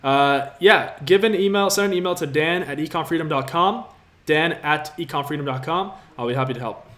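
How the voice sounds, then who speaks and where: A man's voice: on the high side, fairly quick, fairly bright tone. A man in his twenties from Latvia, hosting a casual livestream Q&A in an upbeat, motivational way and talking straight to his viewers. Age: 20s. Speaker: livestream host answering viewer questions. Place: apartment room with a city view.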